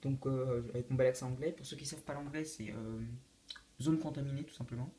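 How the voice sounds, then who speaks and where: A teenage boy presenting his Lego build for his channel in a casual, halting way, often restarting his sentences. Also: medium pitch, warm tone. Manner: hesitant, many fillers and restarts. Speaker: YouTube host showing a Lego build. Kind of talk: casual video walkthrough.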